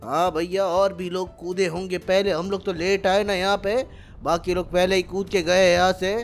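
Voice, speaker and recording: Excitable high-voiced gaming host. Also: male voice, normal speed, faint music behind. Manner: excitable, loud exclamations. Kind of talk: excited gameplay commentary.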